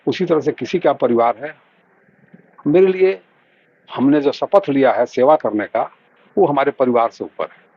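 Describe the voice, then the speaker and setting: Middle-aged male doctor-candidate, measured and earnest, mid pitch, dry dull recording. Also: mellow, dry recording. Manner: earnest, measured, repeats key words. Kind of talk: interview answers.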